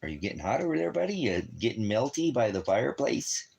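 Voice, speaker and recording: With a mid-range, darkish, husky voice, this man talks fast, swings his pitch widely, and slips into vocal fry. A ministry teacher by his fireplace at home, he runs a rambling livestream of Bible teaching, speaking bluntly and challengingly to commenters and often answering himself.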